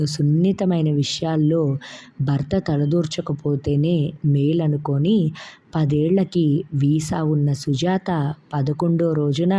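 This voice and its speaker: A woman storyteller reads a family story in a measured, reflective way. Her voice sits low and sounds very dark and mellow. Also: breathy edge, lo-fi sound. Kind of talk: scripted story narration.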